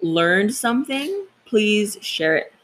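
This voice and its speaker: A woman's voice: medium pitch, very animated, slow pace, a bit bright, poor audio. A young woman co-hosting a casual podcast, chatty and self-deprecating, swearing freely. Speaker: podcast co-host.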